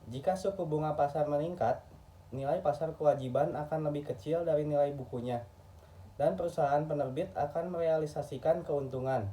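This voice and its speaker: This fairly quick, mellow, slightly high male voice belongs to an Indonesian man reading a lecture script in formal textbook fashion. Now and then he fumbles a word; the recording comes through muffled from a distant microphone.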